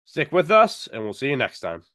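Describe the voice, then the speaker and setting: A man's voice: medium pitch, huge pitch swings, moderate pace, pushed and bright, dry recording, studio quality. A man co-hosting a casual sports podcast, stammering through restarts and laughing with his co-hosts. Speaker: podcast co-host.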